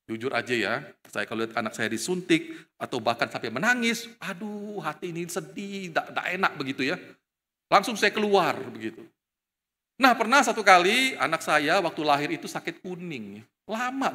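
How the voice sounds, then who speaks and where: A man in his thirties preaching a sermon as an evangelist, telling stories with animated swings from loud proclaiming to soft asides. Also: on the high side, moderate pace. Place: church sanctuary. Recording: long church hall reverb.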